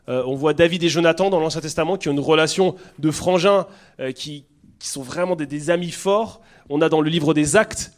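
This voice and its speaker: Earnest man with a southern French accent. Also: sits high. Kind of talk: conversational teaching talk.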